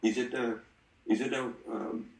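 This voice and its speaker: A man's voice: medium pitch, steady tone, moderate pace, vocal fry, over a noisy crowd. Insistent man in an echoey room. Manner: insistent, pressing, repeats himself. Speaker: questioner in discussion. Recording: echoey room, distant mic.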